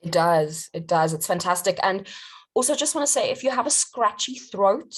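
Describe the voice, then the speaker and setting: A husky, animated woman with a medium-pitched voice and moderate pace, she is a South African voiceover artist giving practical voice-care pointers. She keeps the panel discussion chatty and laughs lightly now and then.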